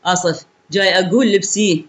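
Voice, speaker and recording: A woman's voice: fairly low pitch, fast talker, natural voice. A woman with an Iraqi accent voicing a harsh, cruel young husband who barks orders with scorn in an Iraqi story. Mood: scornful.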